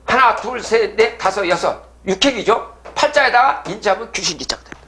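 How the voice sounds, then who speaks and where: A man lecturing on prophecy in a high, animated voice with a bright, forceful edge. He asks rhetorical questions and then answers them himself, often checking in with his listeners. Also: a little fast, breathy edge. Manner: checks in with the audience with "예?".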